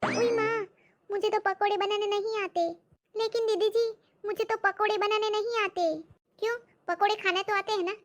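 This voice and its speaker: A woman's voice: very high voice, flat delivery, moderate pace, voice pushed up. A woman playing a naive, lazy young sister-in-law with a chirpy, showy way of talking. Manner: chirpy and naive, with English words thrown in.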